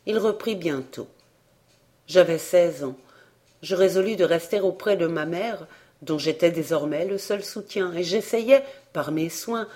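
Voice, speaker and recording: A volunteer audiobook reader narrating a memoir-style story in a measured, steady way. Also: mid-range voice.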